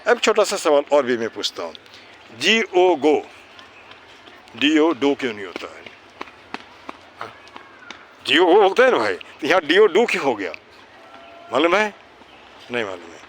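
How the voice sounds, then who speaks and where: A man's voice: on the high side, wildly swooping pitch, moderate pace, pauses often, a little hiss or hum. A man teaching children English pronunciation outdoors. He asks questions, answers them himself, and keeps adding "है ना" as a check, with an Indian English accent. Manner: tags phrases with "है ना".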